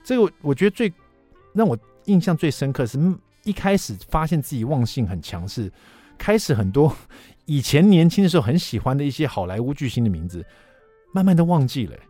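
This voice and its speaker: A middle-aged man, a radio show host telling a funny story about himself in an animated way. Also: fairly high pitch, fairly quick, no room sound, soft background music. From Taiwan. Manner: animated, self-mocking anecdote telling. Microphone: studio microphone.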